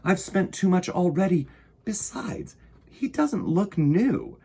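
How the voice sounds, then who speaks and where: Picture-book mother, voiced by a man: weary, sighing, gently reasoning, with lively pitch. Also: takes it slowly, vocal fry, husky, heavily acted. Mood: weary refusal. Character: weary, dismissive mother of a young child.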